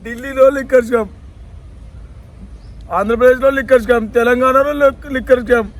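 A man's voice: extremely high pitch, fairly even intonation, quick pace. An actor with a Telangana Telugu accent playing a man who pleads and laments at length over his beloved liquor in a village comedy sketch. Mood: lamenting. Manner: wailing, pleading, rambling complaint.

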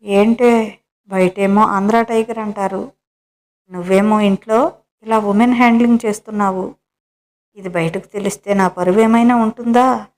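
A woman's voice: mid-range voice, steady tone, normal speed, long pauses, darkish tone, lightly acted. Storybook husband, middle-aged, playful and coaxing, voiced by a woman reader. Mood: mock-pitiful. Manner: coaxing, mock-wounded teasing.

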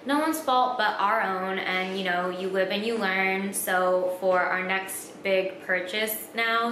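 A woman's voice: medium pitch, fairly bright tone, echoey room, slight background noise, rough recording. A young woman in her twenties telling a casual home vlog story, upbeat and chatty, often saying "like". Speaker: vlogger. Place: small room at home, indoors.

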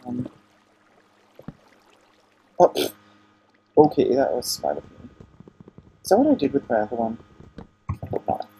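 A man's voice: medium pitch, huge pitch swings, unhurried, creaky, pauses often, mellow, a little hiss or hum. A young man giving casual commentary as he plays a video game at home, talking to himself and getting easily annoyed. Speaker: gaming channel host. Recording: lo-fi home recording.

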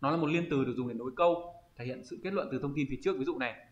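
A man teaching an online kanji lesson, often pausing and thinking aloud as he searches for the word. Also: mid-range voice. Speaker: Japanese teacher. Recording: roomy, slightly dull audio.

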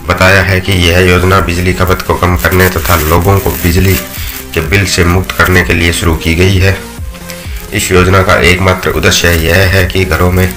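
A man narrating a scripted voice-over explainer, reading steadily with small slips. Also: low-pitched. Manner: steady read-aloud delivery with small slips. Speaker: channel narrator. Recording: voice-over with loud background music.

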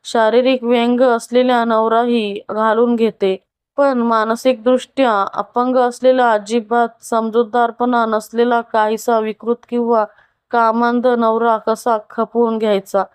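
A woman voicing a wealthy, lonely, unhappy middle-aged wife who confides slowly and from the heart in a storybook tale. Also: a little high, level tone, clear, resonant tone, no echo, close to an everyday voice. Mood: bitter confiding.

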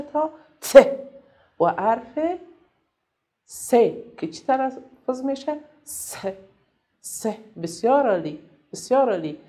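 A young woman with an Afghan Dari accent teaches a literacy lesson, asking questions and answering them herself. Her pitch swings widely while her tone stays mellow and soft-edged. She slows down to stretch out each letter sound.

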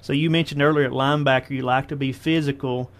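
A man hosting a local high school sports radio show, asking folksy leading questions. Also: fairly even intonation, fast talker. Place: radio studio.

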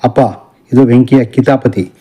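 Man voicing hot-tempered young son, defiant, defensive, dark voice, audio novel. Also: medium pitch, fairly even intonation, measured pace, breathy edge. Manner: shouting back, defensive.

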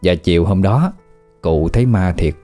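A man narrating a ghost story in an unhurried, folksy way. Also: deep voice, warm tone, soft background music. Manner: unhurried, conversational folksy telling.

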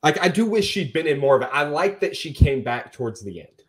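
A man's voice: a little high, very animated, a little fast. A young man co-hosting a casual film review podcast, rambling and chatty. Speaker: podcast co-host.

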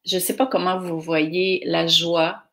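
Slow-talking Québécois woman hosting a live stream. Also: lowish voice, level tone. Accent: Québécois French. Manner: slow, warm greetings read from comments. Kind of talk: casual live-stream chat greeting viewers.

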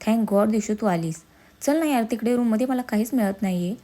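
A woman's voice: on the high side, brisk, dark tone, lightly acted. A woman voicing an irritable, overworked young husband in a storybook reading. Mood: whiny. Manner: curt, exasperated, then coaxing.

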